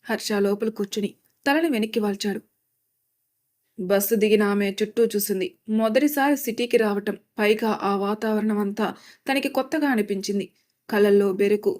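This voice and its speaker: A woman storyteller reading a romance story aloud in steady scripted narration. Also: medium pitch.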